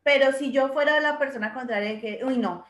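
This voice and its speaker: A woman's voice: high voice, a little fast, fairly bright tone. A woman, co-hosting a casual podcast and reflecting on ideas by working through her own examples. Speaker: podcast co-host. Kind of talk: casual conversation. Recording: roomy echo.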